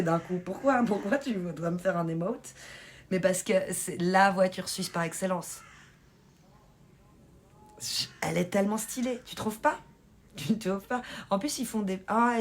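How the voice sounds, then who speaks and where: Chatty woman hosting a live stream. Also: medium pitch. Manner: chatty, laughing, reading chat aloud. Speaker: livestream host. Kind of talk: casual live chat with viewers.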